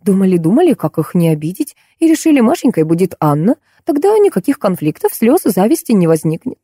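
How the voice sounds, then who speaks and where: A woman's voice: medium pitch, very animated, brisk, mellow, husky, no room sound, clean studio sound. A woman reading an audiobook, voicing a gushing, fussing kindergarten teacher. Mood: explaining.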